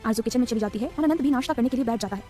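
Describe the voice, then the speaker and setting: A woman's voice: fairly high pitch, racing, dark tone, soft background music. A woman narrating an audiobook story.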